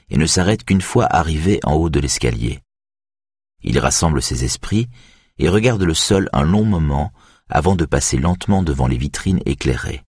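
A male audiobook narrator with an extremely low, husky voice, reading in a steady measured way. The recording is close and dry, with no room sound. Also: no room sound. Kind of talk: scripted narration.

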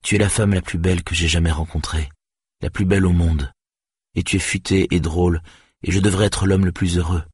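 A man reading aloud, voicing a young man who flatly ends a relationship. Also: sits low, a little fast, husky, no echo, clean studio sound. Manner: flat, withdrawn.

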